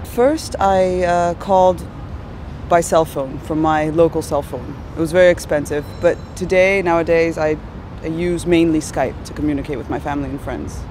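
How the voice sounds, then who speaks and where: A woman from Brazil, a PhD candidate, speaking haltingly in an interview with frequent hesitations. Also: deep voice, steady tone, darkish tone, slight background noise. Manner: halting, with many "uh" pauses. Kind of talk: interview testimonial.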